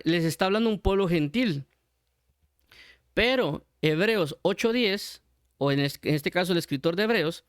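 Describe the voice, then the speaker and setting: A Guatemalan man with a Guatemalan Spanish accent gives a sermon, explaining his points patiently and circling back to repeat them. His voice is smooth and resonant, sitting a little high for a man. The recording is dry and close, with no room sound. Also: no room sound. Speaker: Bible teacher.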